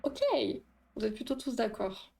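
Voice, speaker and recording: A woman's voice: on the high side, unhurried, creaky, dark tone. A woman hosting a casual livestream, explaining dream science with a quiz, chatty and laughing often while reading chat aloud. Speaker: livestream host.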